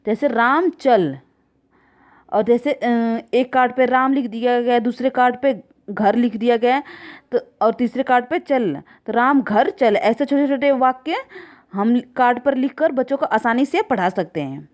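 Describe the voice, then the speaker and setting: A woman's voice: fairly high pitch, moderate pace, darkish tone. A woman teacher reading out exam questions, each one twice, then explaining them with simple examples. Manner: addresses viewers as friends.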